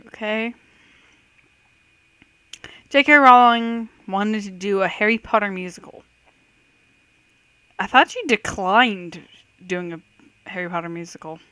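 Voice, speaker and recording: A woman's voice: mid-range voice, measured pace, long pauses, bright, forceful tone, clear, resonant tone, dry recording, rough recording. A woman giving casual, chatty commentary on a quiz game, reading questions aloud and reacting with self-doubting thoughts. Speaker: host of a let's-play quiz video.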